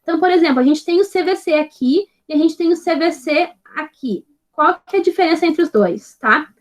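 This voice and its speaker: High-voiced teacher woman. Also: expressive. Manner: patient, checks in with "tá?" after nearly every phrase; spells out examples slowly and clearly. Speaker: English teacher. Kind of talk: online grammar lesson.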